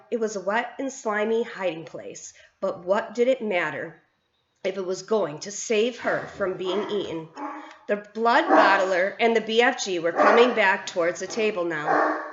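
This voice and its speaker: A woman's voice: mid-range voice, noisy background. A woman teacher reads a children's novel aloud, telling it expressively. Her voice sits mid-range and sounds roomy and slightly dull, as in a lo-fi home recording. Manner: expressive storytelling.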